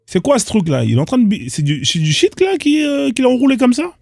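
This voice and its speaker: A man's voice: very high voice, huge pitch swings, quick pace, vocal fry, darkish tone, no echo, clean studio sound. A man hosting casual reaction commentary on odd internet clips, incredulous and firing off rhetorical questions in street slang. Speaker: host reacting to social media clips.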